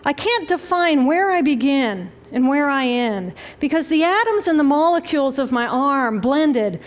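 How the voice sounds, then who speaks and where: A woman brain scientist giving a public lecture, speaking in slow, deliberate, emphatic phrases with pauses. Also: high-pitched, expressive.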